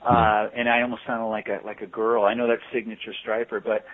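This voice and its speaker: The tinny phone line carries a fairly low, level-toned voice speaking fairly quickly. It belongs to a guitarist and singer in a band who answers interview questions at length, thoughtfully rambling and restarting often.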